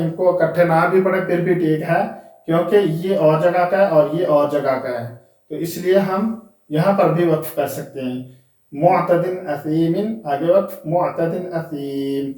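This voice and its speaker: A man's voice: a little high, darkish tone. A man teaching Quran reading, spelling out each letter and vowel mark, then blending and repeating the syllables with short rule explanations. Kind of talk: slow spelled-out recitation lesson. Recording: echoey room, voice from a distance.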